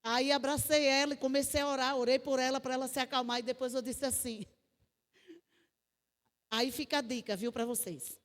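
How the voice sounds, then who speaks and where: A woman's voice: high voice, steady tone, moderate pace. A woman with a Northeastern Brazilian accent preaching a testimony sermon, telling her story vividly and acting out the voices she quotes. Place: church hall. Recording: long church reverb.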